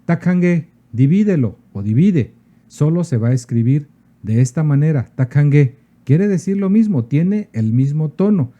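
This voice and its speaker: Man, very dark mellow voice, fairly high, patient language teacher going through examples. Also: expressive, lo-fi sound. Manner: patient, explains slowly with many examples. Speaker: teacher of a native language's alphabet. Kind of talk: spoken lesson on spelling and tones.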